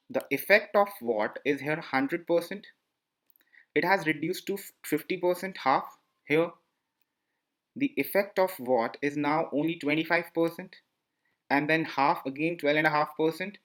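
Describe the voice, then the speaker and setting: A teacher does voice-over on a slide screencast, explaining a lesson in a slightly bright voice on the high side. He repeats himself often and asks the listener questions.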